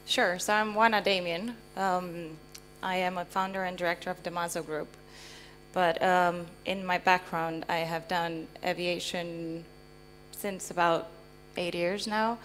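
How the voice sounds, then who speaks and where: Speaking at a measured pace and in a steady tone, this low-voiced Romanian woman from Transylvania, a company founder, answers panel-interview questions with explanatory anecdotes. Her tone is fairly bright. Faint music runs behind her on the live conference stage before an audience.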